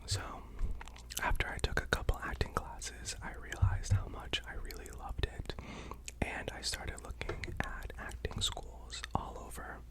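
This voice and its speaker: A young adult with an American accent speaks entirely in a soft whisper at an unhurried pace. The delivery is casual, rambling ASMR storytelling, modest about themselves, with chewing while talking between bites. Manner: casual, rambling, self-effacing personal storytelling. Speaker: video creator and actor.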